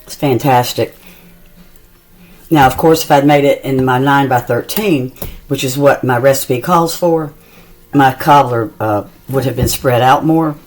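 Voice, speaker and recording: A woman's voice: extremely low pitch, moderate pace. A middle-aged woman chatting homely through a cooking demonstration in her home kitchen, tasting as she goes. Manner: chatty and homey, talks while tasting. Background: soft music and kitchen clatter.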